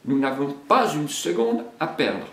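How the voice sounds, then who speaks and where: Un homme qui joue une panthère noire femelle, vaniteuse et autoritaire, au ton hautain et grondeur, dans un conte pour enfants. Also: male voice, fairly high pitch, very animated, measured pace, vocal fry, distant mic, voice pushed up, heavily acted. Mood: haughty scolding. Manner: haughty and scolding. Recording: echoey room.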